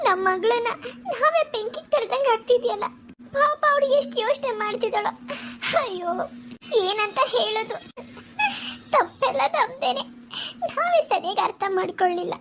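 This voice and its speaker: A woman's voice: very high voice, normal speed, noisy background. A woman voicing a fretful, tearful middle-aged mother of the bride in a cartoon, wailing anxiously. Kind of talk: cartoon voice acting.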